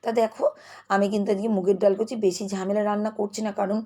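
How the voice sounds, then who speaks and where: A woman's voice: mid-range voice, level tone, dark tone. A woman vlogging casually at home about her chores, chatty and restless. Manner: fast, chatty, restless talker. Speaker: lifestyle vlogger. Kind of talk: casual vlog narration. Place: home kitchen.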